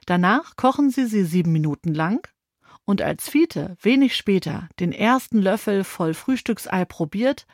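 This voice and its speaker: Brief: female narrator for a children's audiobook, gentle and clear, dry studio sound. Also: medium pitch, expressive, a little slow, no echo.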